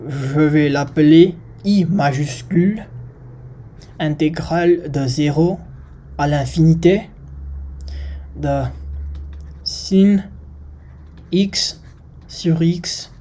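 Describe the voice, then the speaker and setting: A non-native French speaker with a foreign accent gives an informal maths lesson, haltingly searching for words. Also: medium pitch, dark tone. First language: not French. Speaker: maths video presenter.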